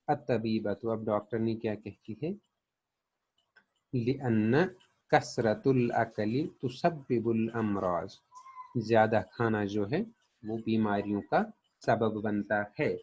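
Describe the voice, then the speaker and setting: Man w teaching grammar, husky voice, kinda dull lo-fi sound. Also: on the low side, darkish tone. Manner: patient, repeats each example, then translates it. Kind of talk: explaining a lesson.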